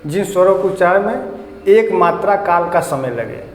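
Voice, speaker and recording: A man's voice: high voice, expressive, moderate pace. A male teacher faint explains a grammar lesson step by step and often puts questions to his students. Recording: echoey room with faint noise.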